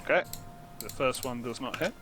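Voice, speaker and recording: A man's voice: mid-range voice, normal speed, sharp tone. A man running a tabletop game as dungeon master, hesitant with fillers.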